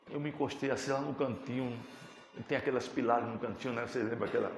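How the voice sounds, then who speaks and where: A man's voice: mid-range voice, a little hiss or hum. A man preaching a sermon as pastor, with a Brazilian Portuguese accent, talking with swelling, impassioned fervor. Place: church sanctuary. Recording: echoey church hall with music.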